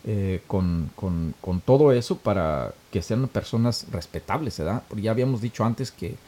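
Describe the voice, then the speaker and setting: A man's voice: on the low side, animated, moderate pace, mellow. A middle-aged man, telling a story and giving advice in a folksy, casual way with many filler words. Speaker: storyteller, moral speaker.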